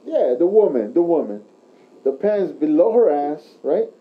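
A man's voice: a little high, big pitch swings, measured pace. Crude frat-bro man, dull lo-fi sound. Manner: frat-bro talk, crude and slangy, punctuated with bro. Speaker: tattoo artist telling stories. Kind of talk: casual chat, anecdote telling. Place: tattoo shop. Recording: dull lo-fi recording.

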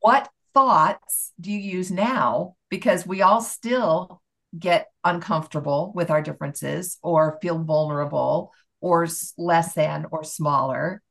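A middle-aged woman with a low, gravelly voice hosts a relaxed faith-based chat. She talks in an encouraging way and keeps asking guiding questions. Her voice sits a little low and has some fry in it. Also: takes it slowly. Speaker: podcast host and life coach.

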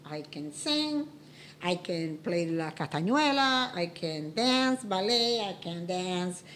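Animated Cuban-born woman in her sixties. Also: lowish voice, takes it slowly, a little hiss or hum. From Cuba. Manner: animated, boastful, protesting. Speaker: guest, host's mother. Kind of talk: casual podcast chat.

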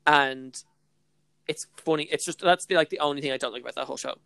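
A woman's voice: low voice, quick pace, gravelly, a bit bright, dry recording. A young Irish woman co-hosting a podcast, chatting casually in a bubbly, gushing way peppered with filler slang. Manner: bubbly, gushing, heavy use of "like" and "literally". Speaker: podcast co-host. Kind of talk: casual chat.

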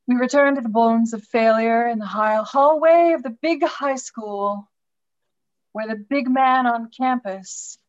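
A woman's voice: on the high side, lo-fi sound. A woman narrating a scripted comedy radio serial as its announcer.

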